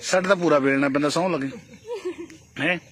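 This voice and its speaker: A man with a high, bright voice, chatting and teasing the people he meets. His talk is light and full of jokes. He is recorded outdoors in a field on a handheld camera. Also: brisk. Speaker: vlogger. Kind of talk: casual chat.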